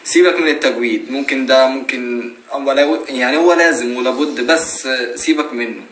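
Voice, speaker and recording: A man's voice: medium pitch, brisk, a bit bright. A young man in his twenties with an Egyptian Arabic accent, giving earnest casual religious advice on a live stream and asking rhetorical questions. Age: 20s. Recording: roomy echo, faint noise.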